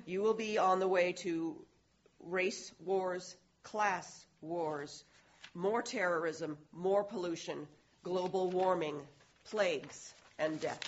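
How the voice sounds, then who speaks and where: A grave otherworldly herald declaims humanity's coming troubles in a solemn, measured cadence, as an actor performs it. The audio drama recording has a muffled, lo-fi quality. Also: mid-range voice, close to an everyday voice.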